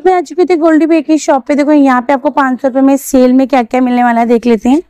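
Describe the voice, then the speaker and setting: In a walking vlog from a busy outdoor street market, a young woman shows off clothes and prices, chats about fabrics and asks shopkeepers questions. Her voice sits high and is mellow, her tone is steady, she speaks fast, and there's no echo.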